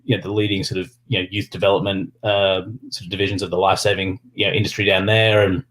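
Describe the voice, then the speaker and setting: A man with an Australian accent and a fairly low voice talks casually as a podcast guest. He rambles along in loose, meandering sentences, padding them with small filler phrases. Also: level tone, quick pace, a bit bright, low-quality recording. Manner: rambling, peppered with "you know" and "sort of". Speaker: podcast guest, sports business executive. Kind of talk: casual interview talk.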